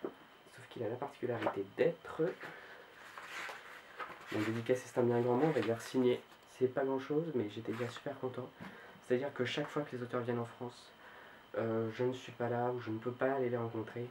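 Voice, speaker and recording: A man in a casual video chat about his book collection, pausing often and restarting his sentences. His voice stays level and monotone throughout, with a faint hiss of noise behind him. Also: mid-range voice. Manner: hesitant, full of "euh" fillers and restarts. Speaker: book vlogger.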